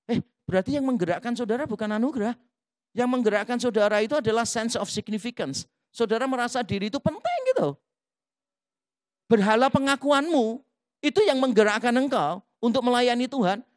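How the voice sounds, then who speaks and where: Male pastor, high voice, dry close sound, animated sermon with acted-out dialogue. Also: a little fast, dry recording. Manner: lively storytelling, acts out quoted dialogue; mixes in English phrases.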